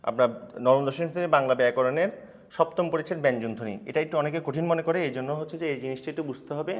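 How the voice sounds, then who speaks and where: Male tutor, young adult, brisk explainer who keeps asking if you follow; lingering reverb on the voice. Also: medium pitch. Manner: quick, instructive, checks in often with listeners. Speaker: teacher. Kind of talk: grammar lesson for school students. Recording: long reverb.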